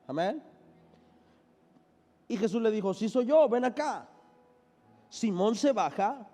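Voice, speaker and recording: High-voiced pastor preaching in a reverberant hall. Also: male voice, mellow. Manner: preaching with call-and-response, joking asides. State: unwell, says he is sick. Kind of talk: sermon.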